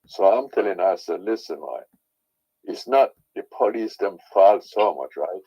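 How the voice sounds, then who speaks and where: A man's voice: low voice, animated, moderate pace, mellow, breathy edge. A man calling in to a talk show, heated and insistent, repeatedly pressing "right?" over a lo-fi line.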